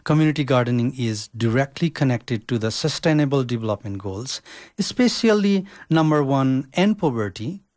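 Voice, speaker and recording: A young man from Nepal, a social work student, reading his podcast script in a careful, measured way. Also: mid-range voice, darkish tone, no room sound, clean studio sound.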